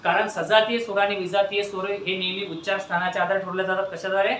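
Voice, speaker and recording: A man's voice: high-pitched, flat delivery, fast talker, a bit bright, a little hiss or hum. A man teaching grammar in a classroom lecture, asking questions over and over and prompting his students to answer back. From Maharashtra, India. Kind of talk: classroom lecture with call-and-response. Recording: echoey classroom from far off.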